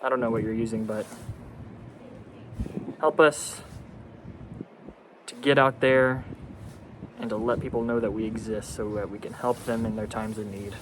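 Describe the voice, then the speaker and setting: A man's voice: on the low side, fairly even intonation, moderate pace, long pauses, a crowd in the background. A man giving a casual, informal walkthrough vlog of a work site, his voice muffled behind a protective mask. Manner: informal, addressing viewers directly. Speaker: vlogger showing a mold remediation job. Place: indoors at a house under mold cleanup. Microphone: handheld camera, later on selfie stick. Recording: very noisy handheld recording, loud machinery hum. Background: loud air scrubber and ventilation noise.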